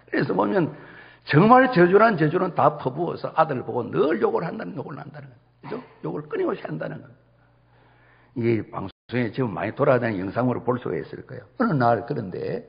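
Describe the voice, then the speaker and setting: A middle-aged man preaches with a lively, swooping delivery and a gravelly rasp at the bottom of his voice. He tells stories and acts out the people in them. The recording is dull and lo-fi, with a long reverb from a large church hall. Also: mid-range voice, fast. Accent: Gyeongsang dialect when quoting. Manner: animated storytelling, acting out quoted voices. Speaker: pastor. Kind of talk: sermon. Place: church sanctuary.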